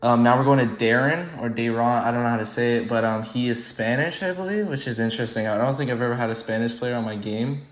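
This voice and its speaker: Talking fast with hardly any pauses, a young man born in the UK keeps up casual, unscripted commentary while hosting an online game. His voice is medium pitch, and he rambles with lots of ums and restarts. The audio is poor and the room echoes.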